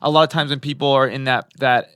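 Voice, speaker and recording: A man's voice: mid-range voice, steady tone, fast, pushed and bright, clean tone, no room sound, clean studio sound. A young adult man, a podcast guest, chatting casually, swearing freely and cutting in on the host. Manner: casual, swears, jumps in on others. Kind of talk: casual chat.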